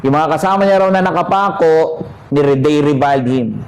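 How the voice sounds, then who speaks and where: A man's voice: on the high side, moderate pace, a little mellow, low-quality recording. A man preaching a sermon in a conversational way, asking his listeners questions and mixing English phrases into his talk. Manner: conversational, asks the congregation questions; mixes in English while preaching. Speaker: pastor.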